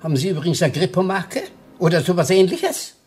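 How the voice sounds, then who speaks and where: An actor playing an old, shriveled, hard-of-hearing hotel porter who rambles and stammers evasively in a radio drama. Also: male voice, high voice, fairly quick, darkish tone, slightly rough, faint music behind. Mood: evasive mumbling. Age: older.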